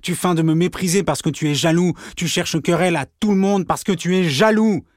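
A man's voice: high-pitched, brisk, dry recording, studio quality, voice pushed up, close to an everyday voice. A man voicing a jealous young man who accuses in a heated, raised voice. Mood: furious.

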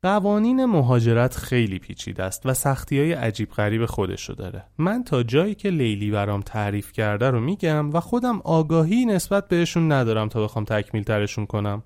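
A man's voice: mid-range voice, sing-song, hardly any pauses, darkish tone. A man narrating a true story he was told, in a colloquial, reflective storytelling manner.

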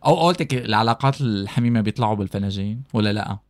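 Fast-talking Levantine Arabic man, playful host. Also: fairly low pitch, dry recording, clean studio sound. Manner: playful, teasing, often swearing oaths. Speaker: show host. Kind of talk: casual chat.

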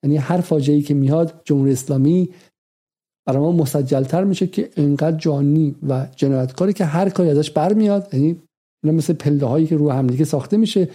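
Commentary host, man, higher-pitched and very bright tone, argumentative monologue with emphatic repetition. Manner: argumentative, repeats phrases for emphasis.

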